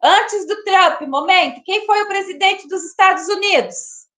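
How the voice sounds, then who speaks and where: A woman hosting a casual live stream, exclamatory and quick to laugh, greeting viewers by name. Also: very high voice, fairly bright tone.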